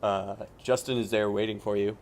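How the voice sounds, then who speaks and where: Laid-back male game master, lowish voice, chatty and halting. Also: fairly even intonation, slight background noise. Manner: casual, laughing, lots of fillers. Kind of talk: narrating a tabletop game on a livestream.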